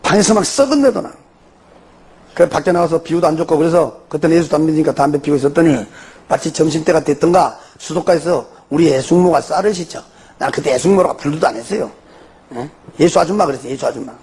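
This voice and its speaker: An older man with a Jeolla accent, a church elder telling his testimony in an animated way and tossing in rhetorical questions. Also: a little high, fast talker, slightly rough. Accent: Jeolla Korean. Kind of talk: spoken testimony before a congregation.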